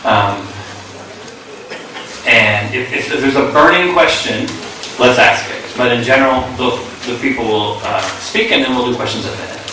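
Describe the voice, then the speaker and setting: Man, panel moderator, brisk instructions, distant mic, clear background noise. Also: medium pitch, very echoey. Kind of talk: chairing a panel discussion. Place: conference room.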